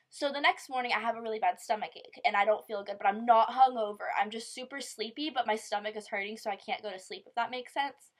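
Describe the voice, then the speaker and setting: A woman's voice: medium pitch, fairly bright tone. A young woman telling a personal story to camera in casual vlog style, with lots of "like" and swearing. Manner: casual, swearing, quoting others in her own voice; filler-heavy, lots of "like". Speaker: vlogger.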